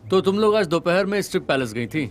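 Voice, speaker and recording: An easygoing police detective. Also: male voice, high-pitched, expressive, fast. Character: friendly male police detective. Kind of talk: Hindi film dub.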